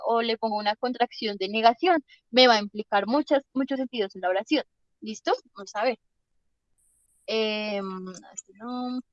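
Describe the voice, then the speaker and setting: Young woman teacher explaining grammar, kinda high voice, keeps checking in w/ the class, dry close sound. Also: no echo, poor audio. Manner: patient and explanatory, often checking in with "¿listo?". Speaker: English teacher.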